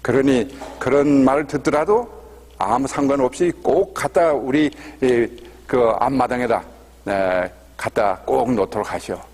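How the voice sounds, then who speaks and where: A man voicing a calm, firm older former sea captain giving instructions, with a husky voice in a long-reverb hall. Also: mid-range voice, measured pace, voice pushed down.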